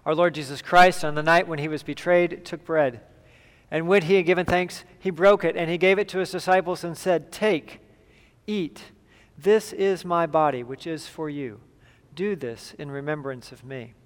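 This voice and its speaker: A man leading liturgical prayer as a pastor, in a solemn, measured and formal way, with a long cathedral-like echo. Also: a little high. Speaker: pastor leading a church service. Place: large reverberant church.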